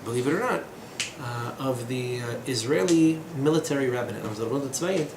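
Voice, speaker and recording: Brisk and animated, a man in his thirties delivers an informal lecture in a small room, peppered with asides, fillers and sardonic jokes. His voice sits in the mid range, and the room sounds echoey with background noise.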